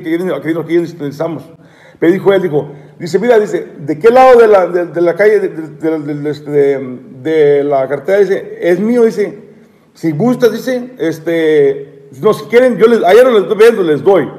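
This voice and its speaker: A man's voice: high voice, darkish tone, in a large hall. A man telling a long, aggrieved story in a rambling live-stream monologue, repeating and stammering often.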